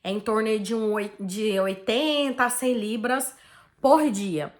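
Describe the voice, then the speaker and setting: Brazilian Portuguese accent, woman vlogger, raised pitch, chatty storytelling, animated. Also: a little slow. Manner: chatty, animated, peppered with "tipo assim" and "né". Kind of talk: casual storytelling to viewers.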